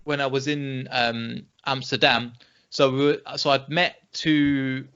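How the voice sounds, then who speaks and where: A young man from England with a British accent, telling lively anecdotes as a podcast co-host in casual chat. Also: mid-range voice, takes it slowly, noisy background. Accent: British English. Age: young adult. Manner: animated anecdote-telling, acts out quoted reactions. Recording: dull lo-fi podcast audio.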